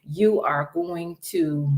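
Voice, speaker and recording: A woman's voice: sits low, very slow, darkish tone. A woman on a church panel discussion, speaking reflectively and thinking aloud, often murmuring agreement.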